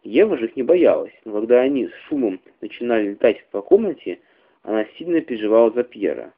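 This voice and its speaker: A man reading a literary story aloud in a measured, expressive way. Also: mid-range voice, breathy edge. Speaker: reader. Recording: tinny phone-like radio recording.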